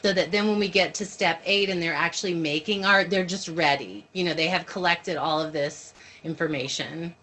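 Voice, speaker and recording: A workshop leader runs an informal online training for teachers over a noisy video call, explaining step by step and checking in with her listeners, with questions and answers. Her voice is lowish and fairly bright, and she moves at a moderate pace with few pauses.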